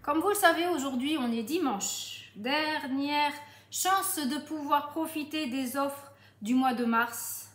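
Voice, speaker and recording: A woman with a southern French accent chats through a cooking demo, talking straight to her viewers. Her voice sits high and her delivery is slow and easygoing. She is recorded in an echoey home kitchen with faint noise underneath. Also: fairly bright tone. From southern France. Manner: chatty, addresses viewers directly. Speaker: Tupperware demonstrator. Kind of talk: casual cooking tutorial.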